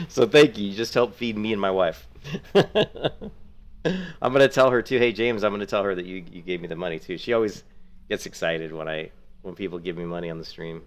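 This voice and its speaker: A middle-aged man with a sore throat streams a game and chats casually with his viewers, rambling in a friendly way and thanking them. His voice is on the low side, at normal speed, with frequent pauses.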